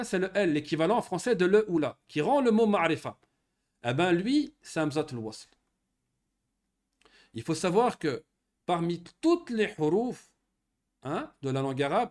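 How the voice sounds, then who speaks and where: A man from Morocco teaching an online Arabic grammar lesson to children, explaining patiently and often checking that they follow. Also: on the high side. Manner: patient, lively explanations with frequent checking questions.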